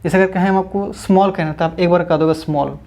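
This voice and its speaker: A man teaching an English grammar lesson online, explaining step by step, repeating his points, drawing out example words slowly and calling viewers his friends. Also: high voice, steady tone, a little mellow.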